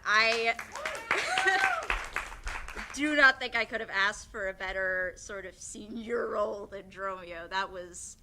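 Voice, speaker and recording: A woman's voice: mid-range voice, unhurried, few pauses, a loud crowd, very noisy. A young woman giving a nervous, giggly, rambling farewell speech as a graduating theatre student.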